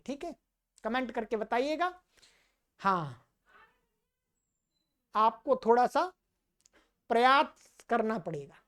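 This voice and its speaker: एक महिला शिक्षिका जो मंत्र धीरे-धीरे उच्चारण करके सिखाती है और बीच में जल्दी-जल्दी समझाती है।. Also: female voice, a little high. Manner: chants slowly and loudly, then explains quickly. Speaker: teacher of Vedic mantra pronunciation. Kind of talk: recitation lesson.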